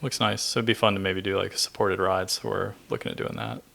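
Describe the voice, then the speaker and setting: A young man co-hosting a podcast, talking in a relaxed, rambling way with many fillers. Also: low voice, quick pace, vocal fry. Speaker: podcast co-host. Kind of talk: casual chat.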